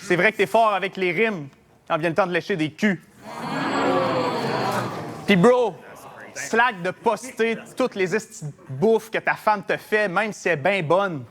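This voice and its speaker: A battle rapper from Quebec with a Québécois French accent delivers mocking a cappella punchlines at a live venue with an audience. His voice is high-pitched and fairly bright, at normal speed.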